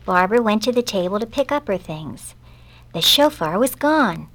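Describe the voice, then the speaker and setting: A woman reads a children's story aloud in an expressive, gentle voice. Her voice sits at a middle pitch. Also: normal speed.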